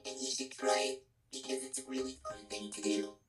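A man's voice: mid-range voice, monotone, fairly quick, fairly bright tone, slightly rough, faint music behind, voice pushed up. A man's voice run through a vocoder with formant shifting, which gives it a synthetic, robotic sound. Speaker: music production instructor. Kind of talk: demonstration sample, repeated phrase.

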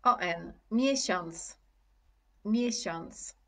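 A woman teaching a live online lesson, speaking slowly and clearly, repeating each word for her students and reading their comments aloud. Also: mid-range voice, distant mic. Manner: slow, carefully articulated, repeating words for students. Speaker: language teacher.

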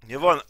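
This Hungarian gaming channel host, in his thirties, is at home playing a farm game tutorial, thinking aloud, chatting and muttering to himself. His voice is fairly high, gravelly, pushed and bright, with a breathy edge.

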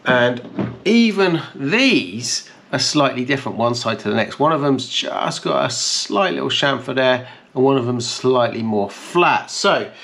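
The host of a car restoration channel, a man in his thirties, gives casual, hands-on, step-by-step explanations in his vlog. His voice is mid-range, creaky, and fairly bright, with slight background noise. He's at a table in a bright conservatory filled with plants.

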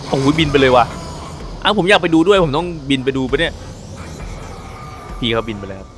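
A man's voice: mid-range voice, a little fast, slight background noise. Chatty man doing gameplay commentary. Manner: jokey, chatty, excitable play-by-play. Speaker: gaming channel host. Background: game music.

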